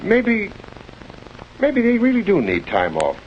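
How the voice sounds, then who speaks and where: Animated, musing 1940s American husband. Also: male voice, sits high, slow, heavily acted. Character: well-meaning husband slowly reconsidering, a plant foreman. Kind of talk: 1940s instructional film acting. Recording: muffled, hissy 1940s film soundtrack.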